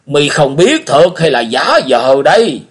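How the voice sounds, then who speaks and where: A man voicing a cantankerous old male beggar martial artist who scolds and shouts in a husky voice for a story reading. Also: fairly high pitch, very animated, measured pace, pitched above the performer's own voice, full character voice. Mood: gruff musing.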